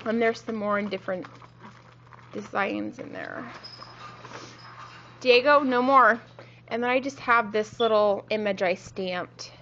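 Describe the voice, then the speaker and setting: A woman's voice: medium pitch, steady tone, normal speed, fairly bright tone, a little hiss or hum. A woman who is a little sick gives a casual show-and-tell tour of her home craft room, meandering and correcting herself with lots of ums. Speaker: crafting vlogger. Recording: dull lo-fi home video.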